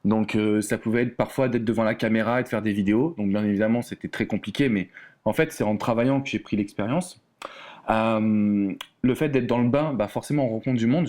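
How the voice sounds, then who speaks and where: A man's voice: mid-range voice, darkish tone. Chatty French-born man, guest coach. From France. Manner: chatty, many fillers and restarts. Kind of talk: casual podcast interview talk.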